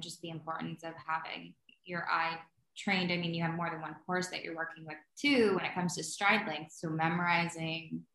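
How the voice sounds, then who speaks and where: A woman's voice: low voice, fairly bright tone. A woman riding trainer chatting casually over a video call, her audio carrying an echo, rambling and often restarting her sentences. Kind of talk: casual chat. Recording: echoey roomy sound.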